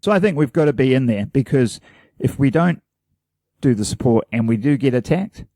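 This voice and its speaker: A man's voice: mid-range voice, animated, normal speed, mellow, dry recording. A man from New Zealand co-hosting a podcast, chatting in an earnest, rambling, self-deprecating way. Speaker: podcast co-host. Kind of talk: casual chat.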